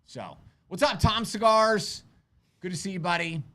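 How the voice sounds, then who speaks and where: A firearms instructor hosts a casual live stream, answering viewer questions, telling stories animatedly, asking rhetorical questions and chatting with his kids. His high voice swings widely in pitch, fairly quick, creaky and a bit bright.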